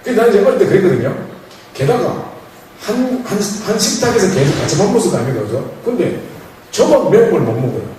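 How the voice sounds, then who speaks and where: Lively pastor in an echoey hall. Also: male voice, sits high, fast talker, a little hiss or hum. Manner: animated, playful, acts out dialogue with laughs. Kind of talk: storytelling sermon. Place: church hall. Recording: echoey hall, mic from far off.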